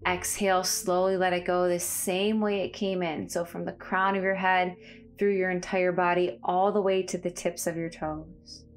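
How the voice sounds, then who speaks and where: A slightly low-voiced woman leads listeners through a body scan meditation, with soft music faintly audible behind her. She sounds calm and soothing, spacing out her measured phrases.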